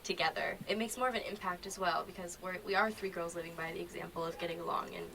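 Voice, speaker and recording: A woman's voice: lowish voice, fairly even intonation, fast talker, pushed and bright, recorded from a distance, a little hiss or hum, low-quality recording. Easygoing young American woman singer. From United States. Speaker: singer, guest. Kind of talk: casual interview chat.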